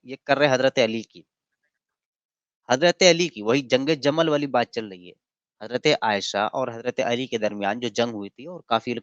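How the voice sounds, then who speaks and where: A man's voice: mid-range voice, fairly bright tone, no echo, dull audio. A man hosting a livestream debate, mocking his opponent and reading passages aloud in a lecturing way. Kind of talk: casual livestream debate and commentary.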